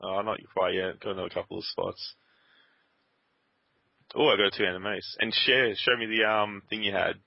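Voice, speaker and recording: A man's voice: fairly low pitch, steady tone, moderate pace, creaky, long pauses, dry recording. A man rambling and grumbling sarcastically to his co-host while they play a game at his computer. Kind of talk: casual gaming chat. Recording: dull lo-fi dry sound.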